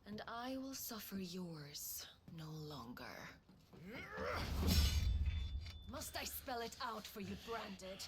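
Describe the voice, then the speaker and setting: An actress playing a haughty, seductive and cruel sorceress villainess in a video game, imperious and mocking, over music. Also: female voice, mid-range voice, very animated, unhurried, heavy background noise. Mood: scornful, threatening. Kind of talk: dramatic video game acting.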